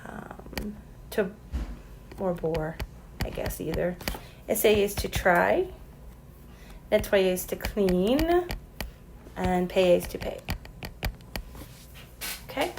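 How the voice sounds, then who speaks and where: A woman's voice: lowish voice, slight background noise, low-quality recording. Woman teacher walking through a French lesson. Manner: explains patiently, spells out letters, sounds out French example sentences. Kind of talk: recorded classroom lesson.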